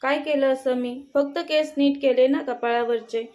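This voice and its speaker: A woman's voice: high voice, fairly even intonation, moderate pace, darkish tone, natural voice. A woman voicing a stubborn, playful young husband in a storybook reading, in a teasing and insistent way.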